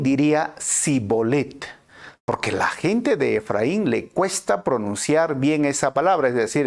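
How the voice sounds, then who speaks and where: A man with a Peruvian Spanish accent teaching a Bible passage in a conversational way, often checking in with his listeners. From Peru. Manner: conversational, frequent tag questions, animated swings in pitch. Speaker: pastor.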